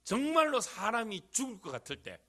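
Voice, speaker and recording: A man's voice: very high-pitched, sing-song, brisk, bright, forceful tone. A middle-aged man preaching an earnest sermon into a microphone in a church, rising to emphatic cries. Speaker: pastor. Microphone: handheld or stand microphone.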